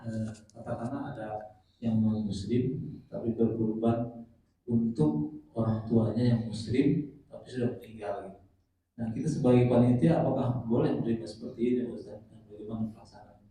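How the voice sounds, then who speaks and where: A man's voice: fairly low pitch, steady tone, normal speed, mellow. A man in the congregation, polite and a bit hesitant, asking the preacher questions. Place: prayer room. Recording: distant, roomy, with background noise.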